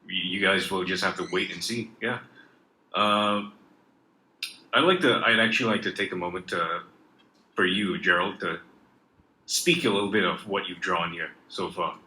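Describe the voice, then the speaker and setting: A man hosting a live Q&A, reading audience questions and giving short, relaxed reactions. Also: sits low, normal speed, long pauses. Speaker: host. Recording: echoey room with faint noise.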